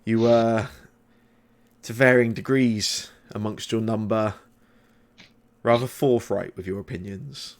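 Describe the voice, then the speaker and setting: A man voicing a calm, ancient mother goddess in a tabletop game, with measured and formal phrasing. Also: fairly low pitch. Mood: measured, knowing. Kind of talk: tabletop role-play.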